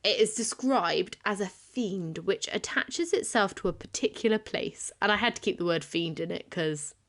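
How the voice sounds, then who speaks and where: A young woman with a Bristolian accent chats her way through folklore notes as a podcast co-host. She giggles often, adds self-deprecating asides, and sounds deeply tired. Her pitch sits in the middle of the female range. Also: normal speed, fairly bright tone. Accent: Bristolian English. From Bristol, England. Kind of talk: casual chat, presenting folklore research.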